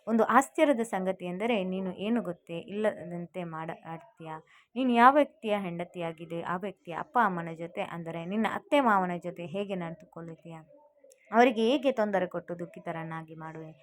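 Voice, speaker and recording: Old mother in a family storybook, strict and sharp-tongued, played by a woman. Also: lowish voice, normal speed, natural voice. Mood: scolding. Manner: scolding. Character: elderly mother, stern and proud.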